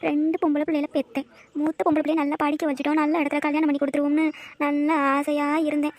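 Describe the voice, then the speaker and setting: A woman's voice: sits high, completely flat delivery, a little mellow, natural voice. A woman voicing a middle-aged village mother in a cartoon drama, scolding and lamenting her daughter. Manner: wailing, lamenting, fast scolding.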